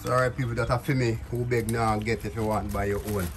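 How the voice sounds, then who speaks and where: A man's voice: mid-range voice, fast talker, background noise. Chatty Jamaican man outdoors. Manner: lively, chatty patois. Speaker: vlog host. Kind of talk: casual on-location chat. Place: outdoors at a rural farmyard.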